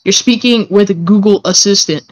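A man's voice: high-pitched, normal speed, low-quality recording. Teasing young man on voice chat. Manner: teasing, boastful banter. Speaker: gaming friend. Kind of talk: casual gaming chat.

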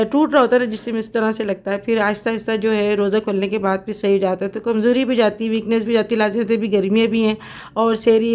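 Woman, middle-aged, from Pakistan, home kitchen vlog, chatty, flat steady delivery. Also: medium pitch. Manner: chatty and devout, many fillers. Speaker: cooking vlogger. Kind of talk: casual vlog talk while cooking.

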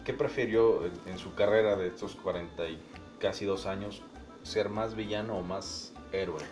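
Male interviewer, very deep voice, faint music underneath. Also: normal speed, a little mellow. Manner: brief, affirming interjections. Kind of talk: interview questions.

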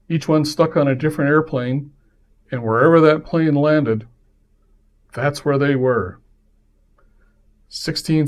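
A man hosting a podcast, telling a personal story casually and acting out the voices of the people in it. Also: mid-range voice. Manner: lively, acts out quoted voices in his stories. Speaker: podcast host.

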